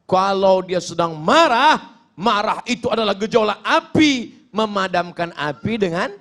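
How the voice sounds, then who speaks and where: A man's voice: high voice, lively intonation, measured pace, fairly bright tone. A man giving a humorous sermon as a preacher, acting out little dialogues and chanting Arabic verses.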